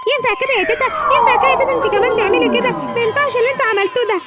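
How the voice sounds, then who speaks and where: A woman's voice: extremely high pitch, racing, pitched above the performer's own voice. A woman with an Egyptian accent voicing an upset little girl in a children's toy story. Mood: reproachful. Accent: Egyptian Arabic. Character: upset little girl scolding her grandmother. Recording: music playing behind.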